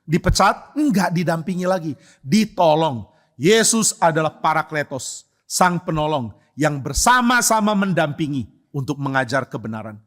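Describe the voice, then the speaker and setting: Male pastor, church sermon, conversational and humorous, rhetorical questions, fairly high voice. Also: animated, normal speed, fairly bright tone.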